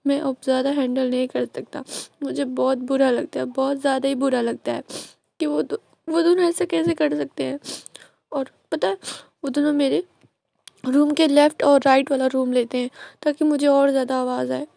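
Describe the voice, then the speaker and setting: Tearful, pleading young man in a storybook reading, put on by a woman; high, gravelly tone, repeats words. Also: steady tone, normal speed, warm tone, dry recording.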